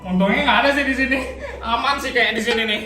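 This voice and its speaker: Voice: medium pitch, fast, bright, forceful tone, lightly acted. A performer doing a stammering, scared schoolgirl. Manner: stammering and fretful. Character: timid, easily scared schoolgirl. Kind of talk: amateur fan horror drama. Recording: very echoey, far from mic, music behind.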